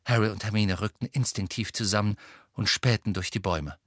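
A man narrating an audiobook in a measured storytelling manner. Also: lowish voice, a bit bright, no room sound, clean studio sound. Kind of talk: scripted narration.

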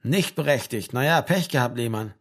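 A gruff sergeant major barks and teases in a husky, raised voice, as a male audiobook narrator puts him on. His delivery is lively and brusque, talking down to the young soldier. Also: mid-range voice, normal speed. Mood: bossy. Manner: brusque, teasing, talks down. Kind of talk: audiobook reading.

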